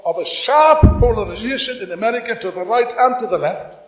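An older man giving a fiery revolutionary speech at a stand microphone in a hall, speaking emphatically and deliberately with repetition and dramatic pauses. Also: very high voice, animated, recorded from a distance. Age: 60s or older. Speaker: political speaker at a congress. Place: indoor hall before a seated audience. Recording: echoey hall public-address sound.

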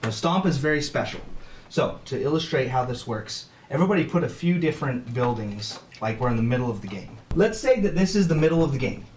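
A man's voice: mid-range voice, lively intonation, a little fast, a little mellow. A man explaining the rules of a board game to players at a table in a casual, chatty way, laughing often. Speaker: game teacher. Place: room around a table game. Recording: echoey room from a distance, faint noise.

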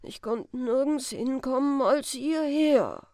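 A frightened drifter pleads through his sobs, as a woman reader voices him. His voice climbs and falls in wide swings and is caught dry and close. It is told slowly, storybook style. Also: sits high, expressive, a little mellow, no echo, voice pushed up, exaggerated voice. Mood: despairing. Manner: pleading, sobbing. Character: frightened poor drifter man, weeping.

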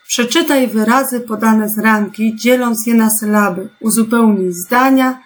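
A woman teaching a remote lesson to young pupils, patient and clear, asking them gentle questions. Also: a little high. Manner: slow, patient, clearly articulated instructions. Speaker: primary school teacher.

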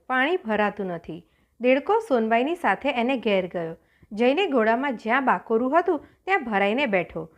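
Lively woman telling a folk tale. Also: a little high. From Gujarat, India. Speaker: storyteller. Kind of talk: audiobook folk tale narration.

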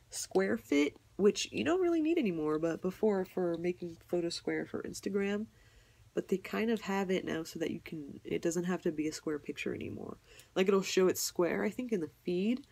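A young woman walks through her apps in a loose, rambling way, hedging and apologizing as she goes. Her voice sits fairly low, with a gravelly, creaky edge and a slight huskiness. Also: a little mellow. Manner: rambling, self-deprecating, apologetic, unsure. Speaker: YouTuber showing her tablet apps. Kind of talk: casual screen walkthrough.

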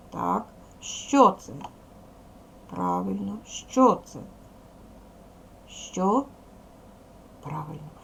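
A woman teacher from Ukraine runs a recorded lesson for young children, asking simple questions and patiently answering them herself. Her voice has a strong gravelly fry, and she speaks slowly. A faint hiss of noise sits under the recording. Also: medium pitch. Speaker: primary school teacher.

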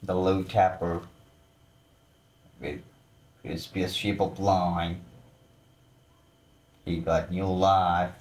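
A man with a very deep voice talks slowly through casual commentary, his loose, informal phrasing peppered with exclamations. The recording carries a roomy echo. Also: level tone, a little mellow.

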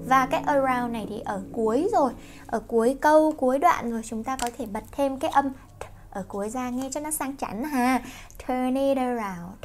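A young Vietnamese woman teaching English through songs, explaining quickly and slowing down to sing lines. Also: high-pitched. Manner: quick explanations broken by slow sung lines. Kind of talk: song-based English pronunciation lesson.

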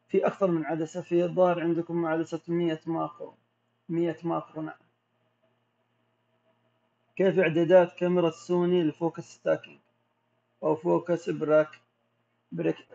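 A man with a Gulf Arabic accent, a macro photographer who answers viewer questions in a relaxed, explanatory way during a casual live Q&A. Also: on the high side, fairly quick, creaky, pauses often. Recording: dull lo-fi audio.

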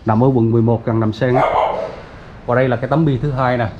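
A man's voice: mid-range voice, fairly even intonation, fast, slight background noise. Chatty man giving an outdoor tour. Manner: chatty, many fillers, addresses viewers as everyone. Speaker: vlogger. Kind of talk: casual walking tour narration. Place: outdoors at a cemetery gate. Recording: dull lo-fi outdoor recording.

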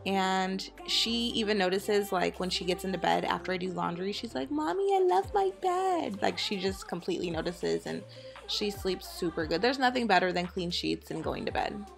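A woman's voice: medium pitch, animated, normal speed, creaky, soft background music. A woman in her thirties, a mother, chatting casually to her viewers in a home voice-over. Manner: chatty, upbeat, talks straight to viewers. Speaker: vlogger, mother.

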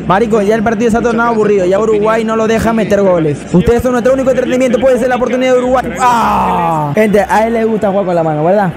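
A man gives excitable, joking live reactions to a football match and chats to his cat. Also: high-pitched, fast, hardly any pauses, a crowd in the background.

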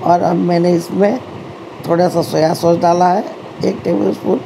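Woman doing a cooking video at home, gravelly kinda flat voice, chatty, fixes her words a lot, ac humming behind. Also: lowish voice, moderate pace, background noise. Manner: chatty, addresses viewers as friends, frequent self-corrections. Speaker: cooking channel host. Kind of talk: home cooking tutorial voice-over. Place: home kitchen.

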